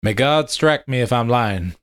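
A man's voice: medium pitch, lively intonation, unhurried, voice pushed up, close to an everyday voice. Give me a man playing a stern, cryptic monster hunter with short, clipped lines in a raised voice. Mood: solemn.

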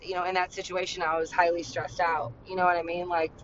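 A woman's voice: level tone, fast, fairly bright tone. Rambling, blunt woman on muffled audio. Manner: rambling, heavy use of "like" and "you know"; blunt, swears freely. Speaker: podcast host. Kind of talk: candid personal monologue. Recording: muffled lo-fi with faint vehicle rumble.

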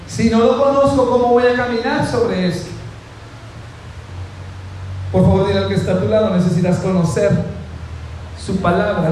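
A man's voice: very high-pitched, a little mellow, slight background noise. A male pastor preaching a fervent sermon, often calling out amen and asking the congregation to speak to the person beside them. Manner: addresses the audience directly and asks them to repeat phrases. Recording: very echoey room with faint ambience.

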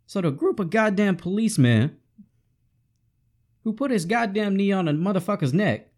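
A man's voice: high-pitched, expressive, normal speed, darkish tone. A frustrated man ranting with heavy profanity to his audience in a casual vlog. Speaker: vlogger. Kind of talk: profane angry rant.

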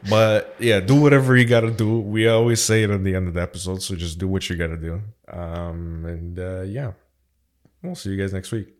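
A man's voice: deep voice, fairly even intonation, fairly quick. A man hosts a casual podcast. He talks like one of the bros, full of slang and loose swearing. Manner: slangy, swearing, bro-like banter. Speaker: podcast host.

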